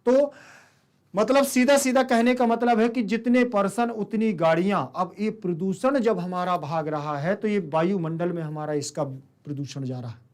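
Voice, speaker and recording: A man's voice: high-pitched, normal speed. A man with a Hindi-speaking Indian accent, teaching a Sanskrit lesson. He asks his students questions and then answers them himself.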